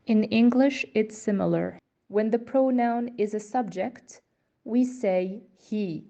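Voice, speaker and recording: A woman teaching a language lesson in a slow, carefully articulated voice. Her tone is mellow and relaxed, at a middle pitch. The recording sounds a bit dull and lo-fi. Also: gravelly. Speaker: French teacher. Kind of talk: scripted language lesson narration.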